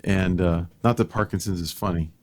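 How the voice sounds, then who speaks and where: A middle-aged man with a very low voice spins a casual story on a podcast. He restarts his sentences often and breaks into laughter at his own jokes. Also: a little fast, darkish tone. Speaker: podcast co-host.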